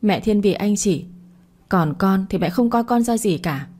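A woman's voice: medium pitch, lively intonation, unhurried, dark tone. A woman voicing a scheming grown daughter who pleads and stammers defensively. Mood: pleading.

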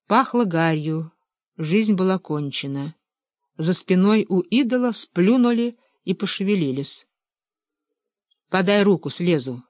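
A woman narrating a literary audiobook in a measured, expressive way. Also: lowish voice, dry recording, studio quality.

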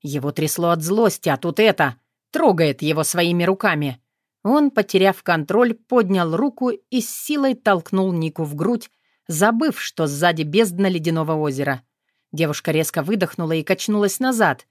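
Low-voiced woman reading an audiobook. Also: animated, moderate pace, no room sound, studio quality. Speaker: audiobook narrator. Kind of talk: scripted narration.

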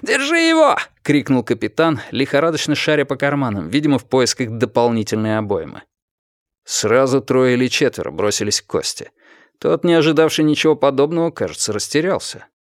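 A male narrator reads an action story steadily and expressively at a middle pitch. The recording is dry and close, with no room echo. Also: brisk. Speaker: audiobook narrator. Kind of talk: scripted audiobook narration.

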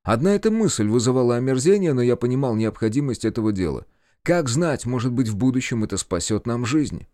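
A male narrator tells a grim first-person story in a middle-pitched voice that rises and falls a lot. The sound is close and dry, with no room around it. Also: a little fast, no room sound. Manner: lively, shifts into shouted dialogue for arguments. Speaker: audiobook narrator.

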